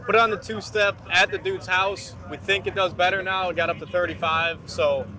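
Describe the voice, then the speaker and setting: A man's voice: high-pitched, fairly even intonation, a little fast, pushed and bright. Tired, matter-of-fact man with a noisy background. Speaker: race team driver. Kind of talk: casual on-camera chat. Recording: noisy outdoor recording.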